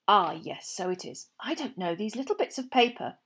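A woman voicing a cheerful, easily flustered middle-aged wizard father, high and loud, stumbling over words. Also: expressive, moderate pace, slightly rough. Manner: eager, nervous, fumbling with words.

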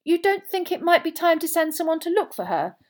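A woman's voice: fairly high pitch, very animated, normal speed, voice pushed up. A woman voicing a mild wizard father, a polite and hesitant man, in an audiobook. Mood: tentative, polite.

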